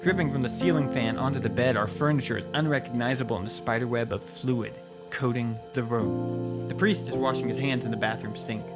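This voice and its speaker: A man giving a dramatic, scripted first-person narration of a horror story, with deliberate pauses. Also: mid-range voice. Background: music.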